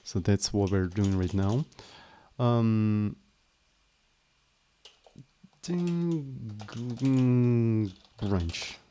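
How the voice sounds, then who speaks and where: Very slow with long pauses, this man's warm, low-side voice is nonetheless animated, with slight background noise. He explains code in casual live-stream chat, speaking English as a second language in a hesitant, apologetic manner with many restarts.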